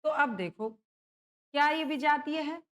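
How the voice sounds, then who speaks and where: High-voiced woman teaching a grammar class. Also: slow, fairly bright tone. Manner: checks in with students often, asks and answers own questions. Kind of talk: exam-prep grammar lesson.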